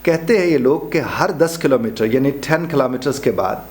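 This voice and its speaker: A middle-aged man with a Pakistani Urdu accent, teaching a pronunciation lesson, spelling out and repeating example words slowly. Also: mid-range voice, animated. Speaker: pronunciation trainer. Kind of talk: spoken lesson.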